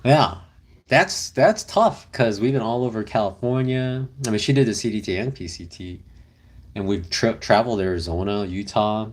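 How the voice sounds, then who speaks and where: Speaking at a normal speed in a lowish voice, an easygoing young man hosts a casual livestream from a car-camping setup, indoors alongside his partner. He rambles through viewer comments, dropping in plenty of fillers.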